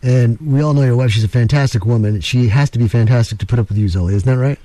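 A male radio host talking casually into a studio mic, jokey and rambling as he bounces between topics. His voice is mid-pitched and the sound is dry and close. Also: quick pace, dark tone, dry recording. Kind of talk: casual radio talk show hosting. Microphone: studio microphone.

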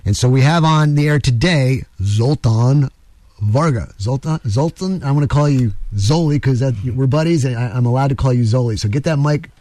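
A man's voice: mid-range voice, moderate pace, warm tone, no room sound. A man hosting a casual radio talk show, loose and jokey, rambling from one point to the next. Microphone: studio microphone.

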